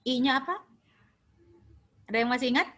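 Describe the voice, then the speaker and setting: A woman with a Sundanese accent giving a classroom lecture, lively and quizzing her students, slipping in Sundanese and English words. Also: high-pitched, moderate pace.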